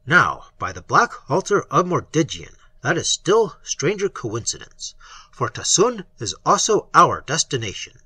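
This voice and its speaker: A man's voice: a little high, bright, forceful tone, husky, no echo, exaggerated voice. A man voicing an oily, mocking necromancer who purrs his sardonic words. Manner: purring, sardonic.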